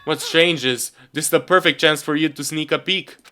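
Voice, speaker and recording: A man's voice: fairly high pitch, normal speed, pushed and bright, faint music behind, voice pushed up. Game villain: mischievous bear mastermind, teasing and pushy, put on by a man reading.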